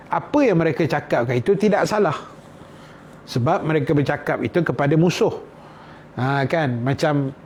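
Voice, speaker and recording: A Malaysian man with a somewhat high voice gives an easygoing religious lecture, asking his listeners questions as he goes. He puts the quotes into casual everyday speech, with a faint ambient hum behind him. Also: a little mellow. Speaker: religious teacher.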